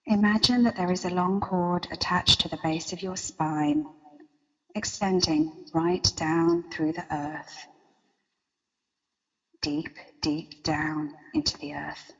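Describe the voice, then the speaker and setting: A woman leading a guided meditation as a guide, with a slow, soothing countdown delivery. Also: fairly low pitch, steady tone, in a large hall, muffled recording. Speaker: meditation guide and interview guest.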